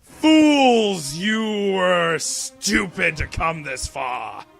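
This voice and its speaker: A man game master voicing a boastful villainous sorcerer in a booming, loud, slow voice. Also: lively intonation, vocal fry, faint music behind, heavily acted. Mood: boastful, menacing.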